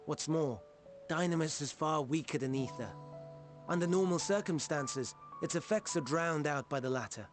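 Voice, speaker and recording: At a moderate pace and a slightly high pitch, a man in a natural-sounding voice portrays a learned, gracious scholar explaining in archaic diction. The game audio carries music behind him.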